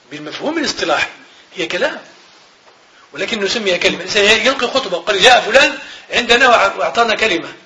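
A man giving a classroom grammar lecture, repeating each definition slowly and checking that students follow. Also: high-pitched, pushed and bright. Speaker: grammar teacher.

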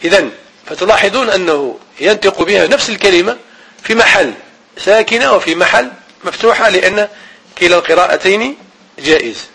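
A man teaching an Arabic grammar and Quran reading lesson, repeating each rule slowly and chanting the verses he quotes. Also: sits high, lively intonation, creaky, pushed and bright, breathy edge, poor audio.

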